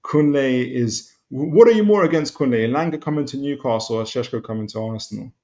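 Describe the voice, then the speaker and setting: Gravelly upbeat male football show host. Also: medium pitch, fast talker, warm tone. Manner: upbeat, sums up the show, laughs along. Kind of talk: podcast hosting and football chat.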